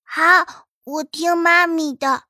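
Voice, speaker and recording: A woman voicing a sweet, clingy little boy in a storybook reading, in a childlike, drawn-out way. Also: very high-pitched, fairly even intonation, sharp tone, no room sound, clean studio sound, voice pushed up, full character voice.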